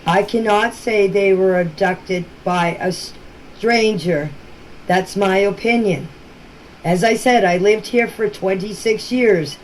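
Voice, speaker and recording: A middle-aged or older woman, a local resident, answers questions in a group chat through voice messages, speaking slowly in a medium-pitched voice. She talks plainly and insistently, often repeating herself, and the amateur clips are noisy.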